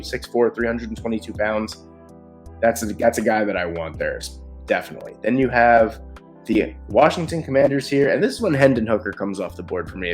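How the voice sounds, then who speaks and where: A man hosting a casual football mock draft video, talking with excitement and frequent restarts. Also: fairly low pitch. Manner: excited, rapid-fire picks with frequent restarts. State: short of breath. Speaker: sports video host.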